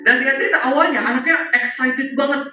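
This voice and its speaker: A man's voice: very high-pitched, quick pace, far from the mic. A man preaching a sermon, telling stories and asking the congregation questions. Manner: lively, asks the congregation questions. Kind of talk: youth sermon with storytelling. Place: church hall. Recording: very echoey hall, mic from afar, music.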